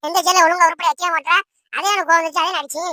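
Squeaky, bright cartoon siblings who whine and tattle in fast bursts, as a performer puts them on. The pitch sits very high and the delivery stays dry and close. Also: fairly even intonation, no room sound. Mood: whining. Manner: whining, tattling. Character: squabbling teenage siblings, whiny and quarrelsome. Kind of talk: Tamil cartoon voice acting.

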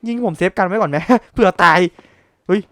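Male game streamer, fairly high voice, jumpy and excitable, repeats his shouts, slightly sleepy. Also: brisk, no echo, clean studio sound. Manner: excitable, exclaims and repeats words. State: just woke up, a little drowsy. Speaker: gameplay commentator. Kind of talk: live gameplay commentary.

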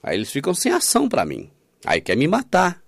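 Man, informal online sermon, sarcastic, swings between loud and hushed, higher-pitched voice. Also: wildly swooping pitch, brisk, gravelly, breathy edge, no echo, studio quality. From Minas Gerais, Brazil. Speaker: preacher.

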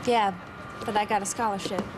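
A woman's voice: medium pitch, fairly even intonation, fairly quick, natural voice. An actress playing a guarded, dry young college-bound woman in a naturalistic TV film. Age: young adult. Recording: noisy film soundtrack with terminal ambience.

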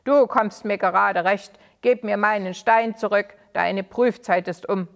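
A woman reading a children's story, voicing a spiteful, triumphant old male sorcerer who speaks loudly and gloats. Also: sits high, animated, a little slow, gravelly, full character voice. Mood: gloating. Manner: loud and gloating.

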